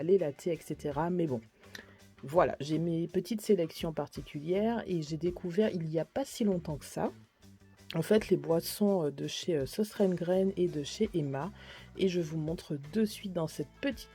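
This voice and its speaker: A woman with a lowish, mellow voice talks casually through a shopping haul, full of hesitations and fillers. Soft music plays faintly behind her. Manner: chatty, many fillers and restarts; apologetic about her English pronunciation. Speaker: vlogger.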